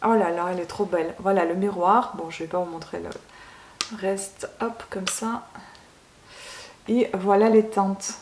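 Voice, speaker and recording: A woman unboxing beauty products at home in a casual vlog, gushing over each item and pausing often with filler sounds. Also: medium pitch, fairly even intonation, a little mellow, echoey room, a little hiss or hum. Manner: gushing, keeps saying she loves it; hesitant, many filler sounds. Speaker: beauty vlogger.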